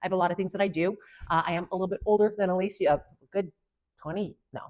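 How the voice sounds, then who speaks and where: On a muffled recording, a woman in her fifties speaks very fast in a lowish, darkish, steady voice. A podcast guest and Amazon influencer, she drifts from story to story in casual conversation, using many fillers.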